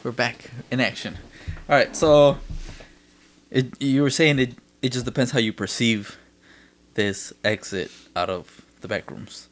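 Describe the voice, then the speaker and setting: A man's voice: mid-range voice, steady tone, a little slow. A man hosting a casual, laid-back podcast, chatting and joking with a friend and swearing freely. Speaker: podcast host. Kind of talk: casual chat.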